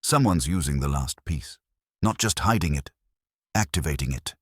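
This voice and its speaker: A man reading the lines of a grave, deliberate police inspector in a mystery story, in clipped pronouncements. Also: rumbling low, expressive, slightly rough, no room sound, clean studio sound, heavily acted. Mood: intent, ominous. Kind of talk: read-aloud mystery story dialogue.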